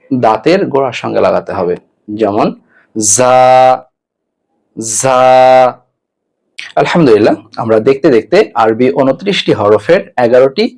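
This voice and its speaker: A man's voice: medium pitch, a little mellow. A man teaching an online Quran lesson, patiently giving step-by-step mouth instructions and repeating each letter sound three times.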